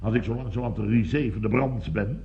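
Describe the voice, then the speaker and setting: A man's voice: on the low side, fairly quick, gravelly, highs cut off, a little hiss or hum. An actor playing a fussy, pompous rich businessman in a radio comedy, blustering and exclaiming. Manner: blustering, exclamatory, self-mocking.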